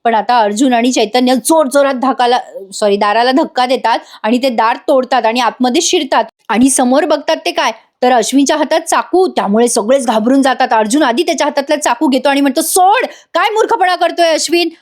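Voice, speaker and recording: A woman's voice: sits high, brisk, hardly any pauses, a little mellow. A woman chattily recapping a television serial episode in a voice-over, speaking straight to her viewers. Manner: chatty, addresses viewers directly. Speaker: tv serial reviewer.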